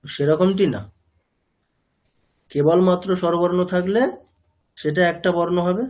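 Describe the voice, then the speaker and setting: Guy teaching a class, kinda high voice, patient, keeps quizzing students, drops in english words. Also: fairly even intonation, unhurried, a little mellow. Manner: mixes English words into his talk. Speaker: language teacher. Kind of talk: classroom lecture.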